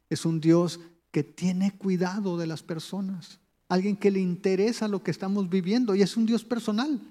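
A high-pitched man delivering a sermon. He preaches conversationally, often turning to ask the listener questions. His voice carries a long reverb, as if filling a large hall. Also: a little mellow.

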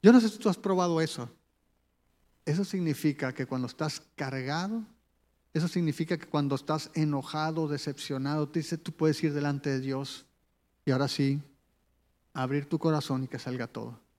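A man's voice: on the high side, normal speed, a little mellow. A man preaching a sermon in a conversational way, turning to the listener with direct questions. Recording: long hall reverb.

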